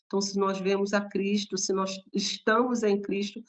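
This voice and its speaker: A woman with a Brazilian accent giving a gentle, conversational Bible devotional, often adding tag questions. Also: medium pitch, flat delivery, normal speed. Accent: Brazilian Portuguese.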